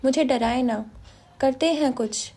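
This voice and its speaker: A lively young woman, light and playful in her talk, as a woman narrator gives her voice. Her voice is high with a mellow warmth. She speaks casually and quickly reacts. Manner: light, teasing.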